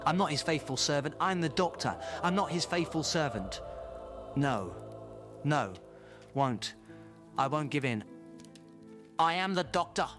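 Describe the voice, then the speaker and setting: A man playing an excitable, eccentric time traveller in a fan audio drama, rambling theatrically to himself. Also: a little high, unhurried, pauses often, soft background music. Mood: defiant. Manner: theatrical, rambling self-talk.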